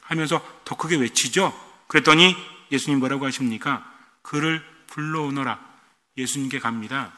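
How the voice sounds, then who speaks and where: Bright, animated preaching man. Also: medium pitch, a little fast, hardly any pauses, in a large hall. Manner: animated, asks the congregation rhetorical questions. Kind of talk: sermon. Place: church.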